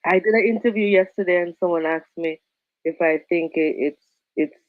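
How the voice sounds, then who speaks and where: Heard on a dry, dull lo-fi call, this woman has a lowish voice and speaks at an ordinary pace. She's a reggae singer from Canada and Jamaica, a guest in a relaxed interview, warm and talkative with Jamaican turns of phrase and plenty of "you know."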